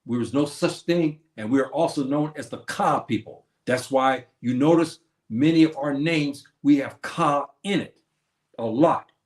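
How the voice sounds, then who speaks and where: On his stream, a host delivers a preachy history lecture, raising questions and answering them himself. He keeps a measured pace in a mid-range voice, and his streaming setup captures an echoey room.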